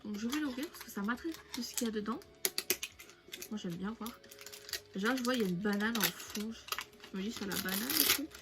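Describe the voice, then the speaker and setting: A woman's voice: medium pitch, fairly quick, pauses often, heavy background noise. A young woman from France chatting casually through a shopping haul, rambling with many fillers and restarts. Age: young adult. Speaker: beauty vlogger. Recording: music playing behind.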